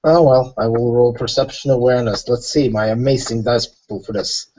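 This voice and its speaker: A man's voice: mid-range voice, fairly even intonation, normal speed, warm tone, lo-fi sound, a little hiss or hum. Casual man playing a tabletop game. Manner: casual, fills with "you know". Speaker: player.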